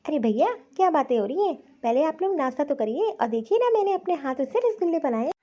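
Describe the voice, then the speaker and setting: A woman voicing a sweet young bride in an animated cartoon, speaking politely and eagerly. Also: high-pitched, fast talker. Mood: cheerful. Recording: slightly muffled lo-fi recording.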